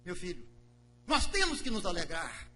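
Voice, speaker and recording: A man's voice: sits high, huge pitch swings, moderate pace, pushed and bright, a little hiss or hum, voice pushed up, heavily acted. A man voicing a loving father who speaks tenderly to his son. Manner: tender, pleading. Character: loving old father, gentle and joyful.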